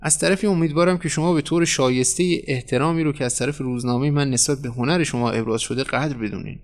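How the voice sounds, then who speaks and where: A man doing a slick editor, cool and salesy, lifts up when pitching, storybook voice. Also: lightly acted. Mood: persuasive. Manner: cool, persuasive, flattering. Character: smooth, scheming middle-aged male newspaper editor.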